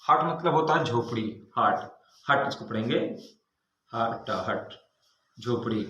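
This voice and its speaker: A man teaches an English vocabulary lesson in a large classroom. He spells each word out slowly, letter by letter, and keeps circling back to repeat its meaning. The room is echoey, with a faint hiss of noise behind him. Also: mid-range voice, a bit bright, muffled recording.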